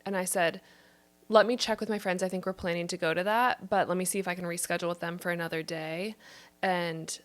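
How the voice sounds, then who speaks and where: A young woman co-hosting a podcast, telling a dating story in a relaxed, casual way with lots of "like". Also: fairly low pitch, brisk. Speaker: podcast co-host. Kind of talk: casual chat.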